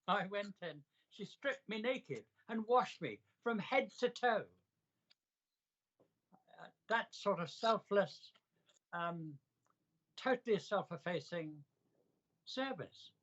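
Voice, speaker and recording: An older man telling reflective personal stories in an interview, with a measured, emphatic delivery in short, deliberate phrases. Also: sits high, lively intonation, fairly bright tone, muffled recording. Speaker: interviewee recounting a hospital stay.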